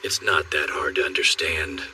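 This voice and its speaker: A man voicing a burly male warrior in an anime English dub, measured and wry with dry humor. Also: a bass voice, steady tone, sharp tone, a little hiss or hum, full character voice. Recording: distant voice with faint score.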